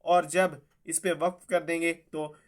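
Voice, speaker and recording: A man teaches recitation at a very unhurried pace. His voice is smooth and resonant and sits a little high. He names each letter and vowel mark, then sings the word out long. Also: level tone. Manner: spells letters and vowel marks aloud, then recites drawn out. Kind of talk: slow spelled-out tajweed lesson.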